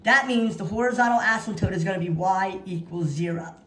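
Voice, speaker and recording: A math teacher with a mid-range, fairly bright voice speaks a little fast in an echoey room, with a little hiss or hum audible. She goes through practice problems instructionally, dictating notation bit by bit and often repeating key phrases for emphasis.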